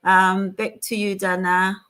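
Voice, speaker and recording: A woman from Zimbabwe speaks calmly and evenly as a guest on a live online panel. Her pitch sits in the middle range for a woman. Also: slow pace, smooth.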